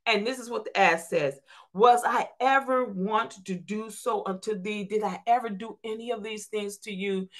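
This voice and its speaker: A woman's voice: medium pitch, fairly bright tone. A woman preaching a church sermon, reading scripture aloud, explaining it in plain folksy talk and calling out to the congregation. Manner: calls out to the congregation; informal, folksy phrasing.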